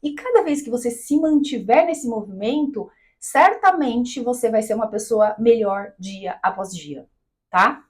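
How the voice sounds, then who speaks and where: A woman's voice: a little high, animated, unhurried. A woman from Brazil giving an explanatory talk to camera as a coach, didactic, checking in with her listener often. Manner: didactic, checks in with "tá?" and "né?", acts out quoted voices. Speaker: business and mindset coach.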